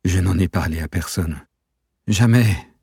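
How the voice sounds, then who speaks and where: A man's voice: sits low, unhurried, breathy edge, dry recording, studio quality. A man voicing a shaken, uneasy security chief who sounds unsettled and pleading. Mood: frightened. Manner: unsettled, pleading under threat.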